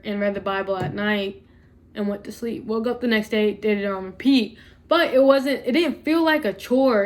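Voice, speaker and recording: A young woman talking to camera in a casual, earnest way, chatting directly to her viewers with lots of "like" and "y'all.". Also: fairly high pitch. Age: young adult. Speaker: vlogger.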